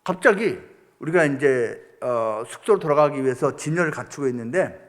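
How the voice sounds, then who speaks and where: A middle-aged man preaching a sermon, telling a story with lively acted-out quotes. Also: mid-range voice, moderate pace. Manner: animated storytelling, acting out prayers and quotes. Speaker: pastor.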